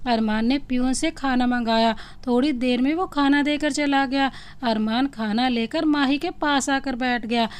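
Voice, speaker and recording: A woman's voice: sits high, steady tone, normal speed, few pauses, clean tone. A woman narrating a scripted bedtime love story, reading plainly and announcing each speaker by name.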